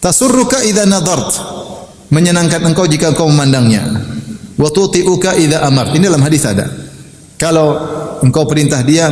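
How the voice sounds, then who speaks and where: Animated male preacher in echoey hall. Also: on the high side. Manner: animated, acts out quoted wives and husbands. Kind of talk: Islamic sermon. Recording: echoey hall with long reverb.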